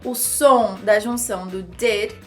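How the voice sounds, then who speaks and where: A woman's voice: medium pitch, slow pace, soft background music. A young woman from Brazil teaching an English lesson on her channel, chatty and upbeat, acting out little examples in playful voices.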